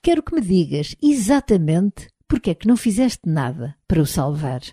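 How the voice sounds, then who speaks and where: A woman's voice: lowish voice, big pitch swings, normal speed, warm tone, breathy edge, no room sound, studio quality. A woman voicing a stern, controlled psychologist who questions firmly. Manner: firm, questioning, restrained. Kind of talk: audiobook character reading.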